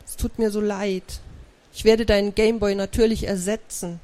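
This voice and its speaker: A woman voicing a kind but brisk female schoolteacher speaking to her class. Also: medium pitch, flat delivery, warm tone, close to an everyday voice. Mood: apologetic. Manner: brisk and caring.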